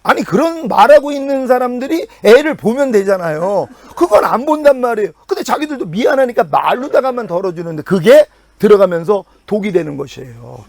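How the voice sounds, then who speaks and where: A middle-aged male pastor preaching a sermon in an animated way, jumping up in pitch and then dropping to quiet asides. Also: brisk, hardly any pauses.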